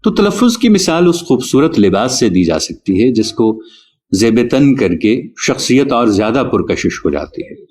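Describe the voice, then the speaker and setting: A man teaching a spoken lesson on correct pronunciation, explaining carefully and spelling out sounds slowly. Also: mid-range voice, very animated, a little mellow. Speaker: Urdu teacher.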